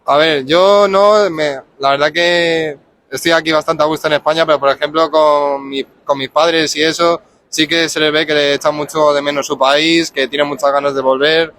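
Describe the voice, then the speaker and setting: Young Spanish man, street interviewee, slightly higher voice, calm and reflective. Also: normal speed, a little hiss or hum. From Spain. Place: outdoors on a street.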